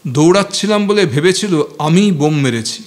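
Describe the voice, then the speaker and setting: A man voicing a shy young male student who speaks softly and sheepishly. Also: a little high, animated, normal speed, close to an everyday voice.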